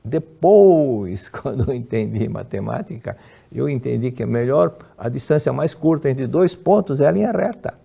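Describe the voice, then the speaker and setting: Speaking at a normal speed, an older Brazilian Portuguese-accented man delivers religious teaching with stories and answers to questions. His mid-range voice is animated, dark and slightly rough with vocal fry, and he often restarts or repeats words.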